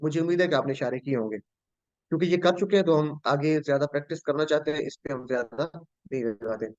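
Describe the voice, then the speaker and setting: A man's voice: fairly high pitch, fast, darkish tone, no room sound. A male teacher leads an online Arabic grammar class. He speaks patiently, repeats key words and asks his students questions. The sound is dull and dry, as if from a computer microphone on a video call.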